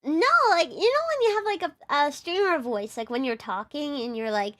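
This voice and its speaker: A woman's voice: sits high, lively intonation, a little fast. A young woman with a Texan accent, chatting casually on a live stream in a bubbly, giggly, rambling way. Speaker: livestreamer and VTuber.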